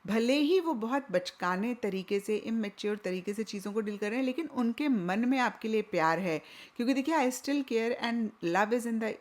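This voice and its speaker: A woman's voice: on the high side, expressive, normal speed. A woman giving a tarot reading, talking chattily and mixing Hindi with English phrases, often repeating points for emphasis. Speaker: tarot reader. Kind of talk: tarot reading talk to camera.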